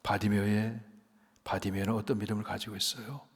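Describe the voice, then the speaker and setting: A man preaching a sermon as senior pastor, swinging between loud, urgent appeals and hushed, near-whispered lines, and leading the congregation to repeat phrases after him. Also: lowish voice, level tone, brisk, slightly rough. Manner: leads the congregation in call-and-response repetition. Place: large church sanctuary. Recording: long church hall reverb.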